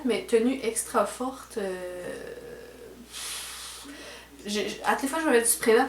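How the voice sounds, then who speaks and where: A young woman with a Quebec French accent talks her way through a beauty unboxing in a relaxed, rambling way, and her voice sits a bit high. She fills her sentences with little hesitations and trailing tags. The sound bounces around an echoey room at home. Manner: chatty, full of fillers and trailing "là". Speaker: beauty vlogger. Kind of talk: casual unboxing chat. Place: at home indoors.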